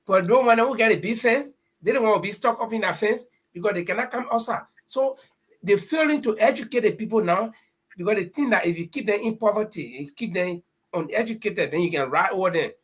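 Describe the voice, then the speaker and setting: A man's voice: sits high, animated, a little fast, fairly bright tone, breathy edge. A middle-aged man in a casual discussion, speaking with emphatic, preachy warnings.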